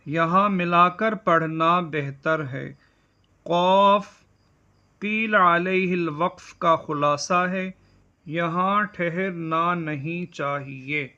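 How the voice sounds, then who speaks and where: A man teaching a religious lesson as an Islamic studies teacher, explaining in a measured, deliberate way. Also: sits high, pushed and bright. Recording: dull lo-fi voice recording.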